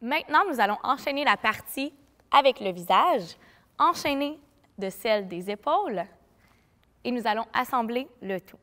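A woman dance instructor calling out moves and counts for a seated routine, cueing each step slowly and clearly. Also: fairly high pitch, expressive, fairly bright tone. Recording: long reverb with music behind. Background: music.

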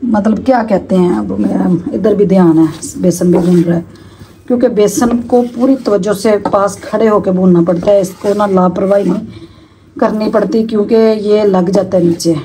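A woman's voice: medium pitch, steady tone, moderate pace, warm tone, a little hiss or hum, rough recording. A middle-aged woman chatting homely to her viewers as she cooks in her home kitchen, filmed on a phone camera. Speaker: cooking vlogger. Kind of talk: casual cooking vlog narration.

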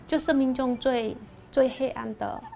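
A woman in her thirties from Cambodia, a university student, speaking softly and reflectively in a documentary interview. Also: high-pitched, steady tone, creaky. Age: 30s. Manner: soft, reflective, halting. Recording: clean documentary audio with music underneath. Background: soft background music.

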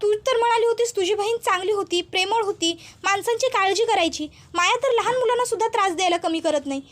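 A woman's voice: very high voice, quick pace, a bit bright. A woman voicing the spirit of a young woman trapped in a tree, pleading and earnest. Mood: shocked. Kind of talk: storytelling voice acting.

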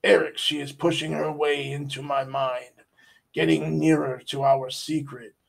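A man's voice: on the high side, flat delivery, a little slow, vocal fry. Man doing a hissing, strained lord. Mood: urgent. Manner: hissed, urgent half-whisper.

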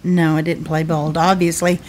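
A woman's voice: low-pitched, flat delivery, normal speed, darkish tone, slight background noise. A woman co-hosting a podcast, chatting casually about a reality show with playful banter and rambling explanations. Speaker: podcast co-host. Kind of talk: casual recap chat.

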